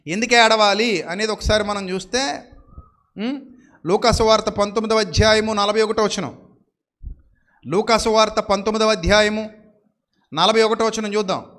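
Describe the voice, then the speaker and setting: A man with a notably high voice delivers a sermon as a preacher. He keeps asking his listeners rhetorical questions. He drags out key scripture phrases slowly for emphasis. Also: steady tone, a bit bright. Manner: slows down sharply to stress scripture phrases.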